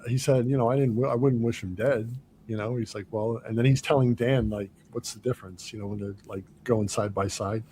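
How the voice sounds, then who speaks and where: A man's voice: mid-range voice, brisk, slight background noise. A man hosting a podcast, casually talking through a film and acting out its lines as he goes. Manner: animated retelling, quoting movie lines. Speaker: podcast host.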